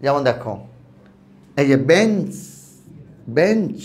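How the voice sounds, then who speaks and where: A man teaching an exam-prep lesson, speaking slowly and repeating words so his students can follow. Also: a little high, expressive.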